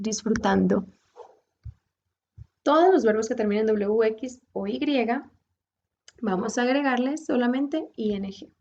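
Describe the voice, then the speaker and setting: A woman's voice: a little high, lo-fi sound. A woman whose first language is Spanish, teaching an English grammar lesson as a virtual tutor and explaining the rules step by step in both languages.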